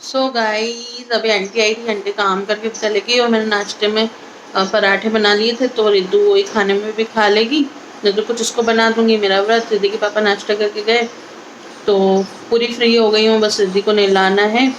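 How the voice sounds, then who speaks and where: A woman's voice: mid-range voice, little pitch movement, moderate pace, dull audio, a little hiss or hum. A woman, vlogging in a casual chatty way and talking straight to her viewers, with a slight cough. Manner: chatty, addresses viewers directly. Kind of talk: casual vlog narration.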